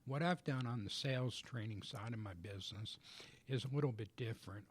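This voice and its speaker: A man guest on a business radio show in a studio, explaining his coaching work in a measured, methodical way. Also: medium pitch, husky. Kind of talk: radio interview answers.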